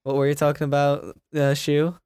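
A man hosting a casual podcast chat with friends, playful and quick to laugh. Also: fairly high pitch, monotone, darkish tone, clear, resonant tone, no echo. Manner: laughs a lot, playful, steers the talk. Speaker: podcast host.

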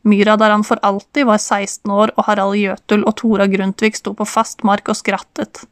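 Calm, dry-voiced woman narrating. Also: mid-range voice, dry recording. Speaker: audiobook narrator. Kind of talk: scripted narration.

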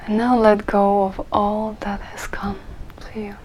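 A woman leading a guided meditation softly and gently, often in a breathy near-whisper. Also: mid-range voice, little pitch movement, unhurried, slight background noise, low-quality recording.

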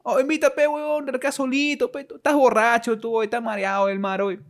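A man's voice: extremely high pitch, little pitch movement, fairly quick, pitched above the performer's own voice. A man voicing a crude villager who jeers at fishermen in a Peruvian accent. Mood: jeering. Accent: Peruvian Spanish. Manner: mocking, crude, jeering. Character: scornful male villager mocking fishermen.

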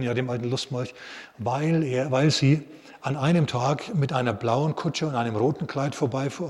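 A man preaching a sermon as a pastor, telling stories in a lively way and acting out quotes. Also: medium pitch. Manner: lively storytelling with acted quotes. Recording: long reverb of a large hall.

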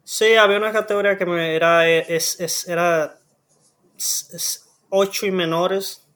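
A young man with a Dominican Spanish accent, a guest telling stories in a relaxed, chatty way and acting out sounds. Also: sits high, measured pace. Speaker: guest, Olympic swimmer. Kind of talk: casual storytelling.

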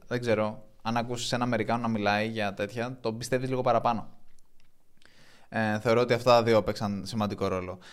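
A man co-hosting a casual business podcast, calmly reasoning things through and asking follow-up questions. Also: fairly low pitch, clean tone. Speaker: podcast co-host.

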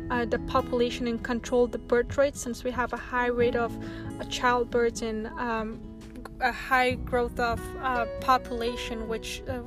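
A woman from Afghanistan talking earnestly on her solo podcast, pausing often with ums and uhs. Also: fairly high pitch, flat delivery, music in the background. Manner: earnest, halting, many ums.

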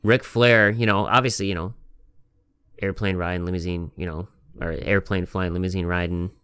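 A man's voice: low voice, steady tone, moderate pace, fairly bright tone, smooth, dry recording, studio quality. A man hosting a casual podcast chat. He talks in an emphatic, rambling way and swears a lot. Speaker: podcast host.

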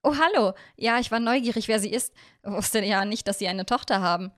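A woman's voice: medium pitch, fairly even intonation, a little fast, dry recording, studio quality, lightly acted. A woman voicing a cheerful, curious young village boy in a storybook reading, talking eagerly and in a friendly way.

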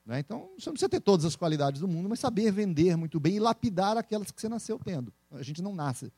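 A man with a Brazilian accent, a speaker and entrepreneur, telling stories in a casual interview with animated laughter. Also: high-pitched, slightly rough, no echo. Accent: Brazilian Portuguese. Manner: animated, laughing, quick storytelling.

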